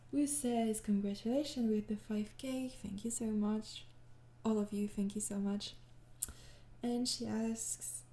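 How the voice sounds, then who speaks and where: In an echoey room, a young ASMR creator from France answers fan questions in a soft, casual Q&A, her mid-range voice carrying a French accent. Tired, hesitant and apologetic, she laughs softly and often and keeps slipping into whispers.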